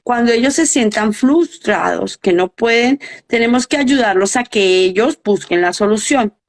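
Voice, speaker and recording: A woman's voice: on the high side, expressive, moderate pace. A middle-aged woman, a coach and educator, earnestly explaining her ideas in a live interview and often asking rhetorical questions.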